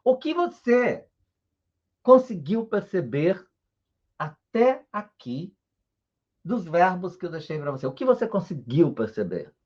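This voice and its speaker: A man's voice: high voice, sing-song, measured pace, long pauses, a little mellow, lo-fi sound. A man teaching a live-streamed language lesson, explaining patiently, checking in often with his viewers, and chanting rows of syllables in a sing-song way. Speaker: Japanese teacher.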